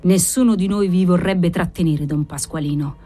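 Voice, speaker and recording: A woman's voice: lowish voice, normal speed, dark tone, lightly acted. A woman voicing a cold, ironic marquis who speaks with hard, mocking politeness. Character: cold, ironic, furious middle-aged marquis.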